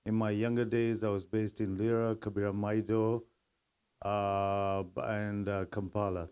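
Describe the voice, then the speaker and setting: Mellow-voiced man from Uganda pitching property. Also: flat delivery, clean tone. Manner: brisk, confident sales talk. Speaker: real estate company executive. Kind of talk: business pitch speech.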